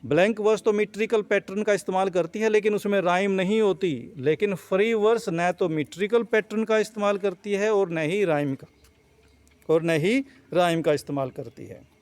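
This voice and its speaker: A man's voice: high voice, a little mellow, no echo. A male teacher giving an explanatory lecture on poetry, repeating and rephrasing each point with fillers. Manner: reads English lines slowly, then explains in Hindi.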